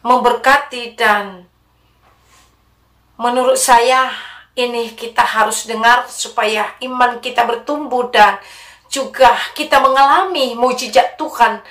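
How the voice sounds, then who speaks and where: A woman's voice: on the high side, steady tone, fairly bright tone. Woman host in an echoey room. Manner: measured, addresses viewers as friends. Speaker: channel host. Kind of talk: religious commentary.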